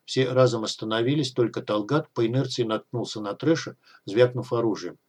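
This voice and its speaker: A man narrating an audiobook in a steady, measured reading. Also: medium pitch, slightly rough. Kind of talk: scripted narration.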